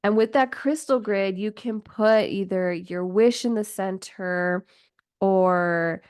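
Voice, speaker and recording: A woman's voice: mid-range voice, slow pace, a little mellow, clean tone, dry recording, studio quality. A woman chatting casually and enthusiastically on her own, rambling from one thought to the next as a host. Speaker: podcast host and tarot reader. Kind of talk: casual solo chat about personal rituals.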